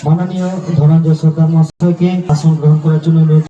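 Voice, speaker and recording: A man's voice: fairly high pitch, level tone, quick pace, dark tone. A man formally and deferentially calling guests to their seats as an announcer. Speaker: event announcer. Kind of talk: formal roll call of guests. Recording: dull echoey PA, distant, crowd behind.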